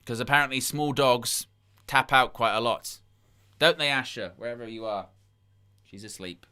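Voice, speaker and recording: Hosting a live wrestling watchalong, this man talks at a moderate pace in a smooth, mid-range voice that comes across bright and forceful. He reads chat comments aloud and drifts through incredulous asides, stopping now and then to ask for likes.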